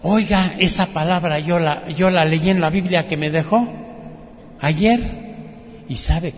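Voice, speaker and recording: A man's voice: on the high side, measured pace, big-room sound. A man with a Mexican Spanish accent giving a spoken religious testimony, telling his story and acting out other people's words. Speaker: testimony speaker.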